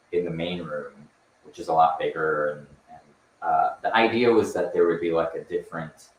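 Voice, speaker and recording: A man in casual chat about production, speaking in halting, hesitant phrases. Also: sits low, slight background noise. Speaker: production team member. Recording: roomy, distant from the mic.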